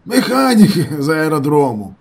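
A man's voice: a little high, huge pitch swings, moderate pace, vocal fry, darkish tone, voice pushed up, full character voice. A man voicing a cheerful gas station owner who explains things in an amused, matter-of-fact way.

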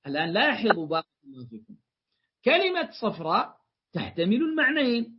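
A man with a fairly high, husky voice gives a classroom lecture on Quran interpretation. He reads classical passages aloud, then breaks them down step by step and keeps checking that his students follow. The recording is dull and lo-fi. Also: sing-song, quick pace. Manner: explains step by step and often checks that listeners follow. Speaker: teacher commenting on a tafsir text.

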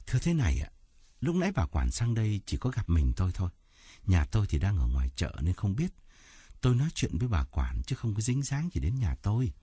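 A man's voice: fairly low pitch, wildly swooping pitch, fairly quick, warm tone, slightly rough, dry recording, exaggerated voice. A man voicing a flustered middle-aged father who stammers as he defends himself. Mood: defensive, flustered.

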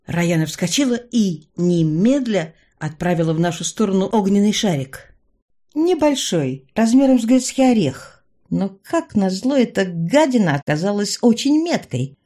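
Female audiobook narrator, first-person, husky, animated delivery. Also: medium pitch, moderate pace.

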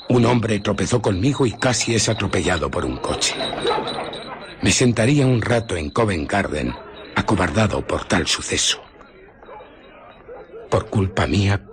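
An actor playing a bitter fugitive invisible scientist in a radio drama, in Castilian Spanish, with a rough voice and dramatic, heavy pauses. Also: male voice, low voice, a bit bright. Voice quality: husky, rough. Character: Griffin, bitter invisible male scientist on the run. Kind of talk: Spanish radio drama acting, recounting his ordeal.

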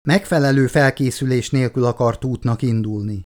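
A man voicing a stern, commanding man who speaks curtly and firmly, in a low voice. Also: darkish tone, close to an everyday voice.

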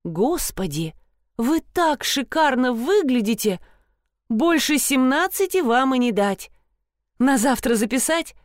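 A woman's voice: high-pitched, big pitch swings, unhurried, dry recording, clean studio sound, voice pushed up. A woman reading an audiobook, voicing a timid receptionist who fawns over and pleads with clients. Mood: fawning. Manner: fawning, pleading. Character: fawning, timid female salon receptionist.

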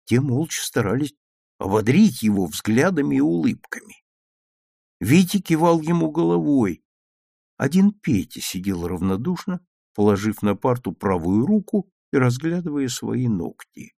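A man narrating a children's story aloud in an expressive, lively reading style. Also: medium pitch, a little slow, gravelly, no echo, studio quality.

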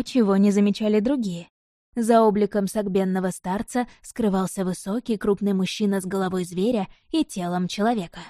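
In a first-person audiobook, a woman narrates evenly and with measure. Her mellow, warm voice sits in a middle pitch range, recorded dry and close with no room sound.

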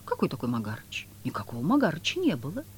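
A reader voicing a sly, fawning male trickster who speaks in quick exclamations. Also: mid-range voice, wildly swooping pitch, slightly rough, full character voice.

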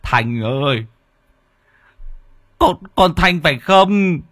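A man's voice: on the high side, lively intonation, drawn-out words, fairly bright tone, no room sound, studio quality, pitched above the performer's own voice, heavily acted. A man voicing a grieving father in his sixties who cries out in anguish and stammers. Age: 60s. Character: grieving old father, anguished, war veteran.

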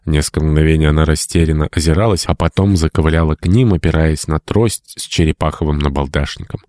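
A man narrating an audiobook in a measured storytelling manner. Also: a bass voice, a little mellow, dry recording, studio quality. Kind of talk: scripted narration.

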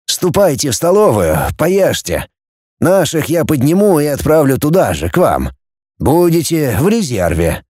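A man's voice: on the high side, big pitch swings, unhurried, a little mellow, no room sound, studio quality. A man voicing a tense middle-aged male teacher who speaks in a clipped, strained way in an audiobook story.

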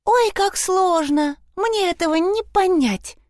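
A woman's voice: high voice, animated, measured pace, darkish tone, no room sound, clean studio sound, voice pushed up. A woman narrator voicing a snide rival schoolgirl with a sarcastic, sing-song manner. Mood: mocking.

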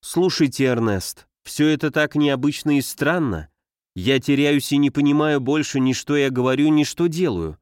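A man's voice: on the high side, normal speed, smooth, no echo, lightly acted. Man as young lady, frightened, pleading, dry recording. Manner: pleading, agitated.

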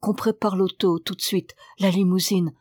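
A woman's voice: medium pitch, moderate pace, breathy edge, dry recording, lightly acted. Woman reading a feverish, haunted man. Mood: insistent. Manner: flat, toneless voice forced from a tight throat.

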